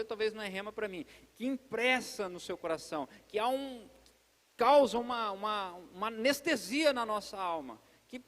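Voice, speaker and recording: A man with a high voice preaches at a church service in a lively, conversational way, talking straight to the congregation. His voice rings out with a long reverb that hangs in the big hall. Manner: lively and chatty, addresses the congregation directly. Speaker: pastor. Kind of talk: conversational sermon.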